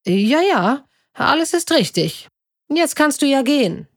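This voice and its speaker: A jittery middle-aged forester, evasive and eager to be rid of his visitor, as a woman reading the story puts him on. He brushes questions off in hurried replies, the sound dry and close like a storybook reading. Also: fairly high pitch, animated, gravelly, no room sound, voice pushed up, full character voice. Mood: nervous.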